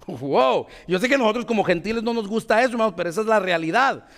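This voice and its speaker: A male pastor preaches in an easy, conversational way. His voice sits high for a man, and he keeps turning to the congregation for agreement. The sound carries a long reverb from the church hall. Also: expressive, fast, fairly bright tone. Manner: conversational preaching with frequent "hermanos" and "¿verdad?". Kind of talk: sermon.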